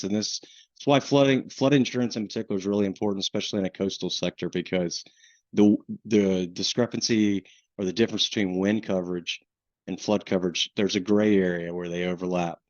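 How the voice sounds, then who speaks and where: A man's voice: sits low, no echo. A man with a Southern US accent presenting a webinar on flood insurance in a casual way, with plenty of restarts and fillers. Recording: dull, lo-fi webinar audio.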